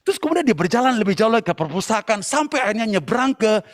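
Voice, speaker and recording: A man preaching a passionate sermon to young people at an online church service, at times shouting and dropping English phrases into his talk. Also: high voice, sing-song, fast talker. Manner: addresses listeners as brothers and sisters.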